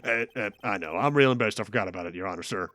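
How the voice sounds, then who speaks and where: A man's voice: on the low side, rapid-fire, bright, forceful tone, no room sound, pitched below the performer's own voice. A man voicing a blustering, scruffy police detective with a put-on Southern drawl, calling everyone pal. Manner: folksy, keeps calling people pal.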